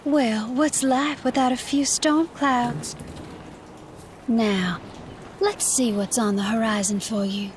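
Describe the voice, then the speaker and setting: An actress playing a playful, mysterious all-seeing fortune teller in a video game, with a theatrical, coy, mystical manner. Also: female voice, a little high, fairly even intonation, takes it slowly, a little hiss or hum. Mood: ominous, playful. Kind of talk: video game character acting.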